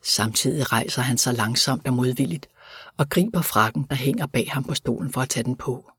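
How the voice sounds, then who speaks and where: A man narrating an audiobook in an even, measured reading. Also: mid-range voice, slightly rough, no echo, studio quality. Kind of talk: scripted narration.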